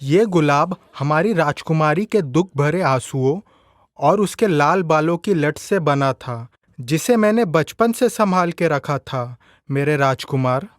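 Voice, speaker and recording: An actor playing a kind young man, the princess's childhood friend, who speaks gently and politely. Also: a little high, expressive, a little slow, no echo, clean studio sound. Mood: tender. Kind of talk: cartoon voice acting.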